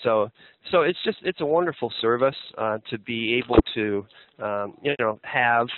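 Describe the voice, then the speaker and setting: A man's voice: mid-range voice, normal speed, no room sound. Phone-line male telemarketer, rambling and hesitant. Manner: hesitant, rambling, filler-heavy delivery; seeks agreement with frequent tag questions. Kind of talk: phone sales pitch. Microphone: telephone. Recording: narrow, tinny phone line.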